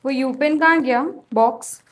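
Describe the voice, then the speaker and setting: A woman's voice: high-pitched, moderate pace. A young Indian woman vlogging casually about her makeup and outfit, switching between Hindi and English. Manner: chatty, mixing Hindi and English. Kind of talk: casual beauty vlog narration.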